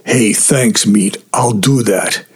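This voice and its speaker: A man's voice: on the low side, takes it slowly, husky, exaggerated voice. A man voicing an anxious, earnest young camper who speaks urgently.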